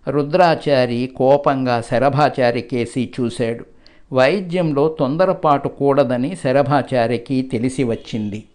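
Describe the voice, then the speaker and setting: A man reading folk tales aloud in a measured storybook narration, giving the characters' lines in his own voice. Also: medium pitch, a little mellow.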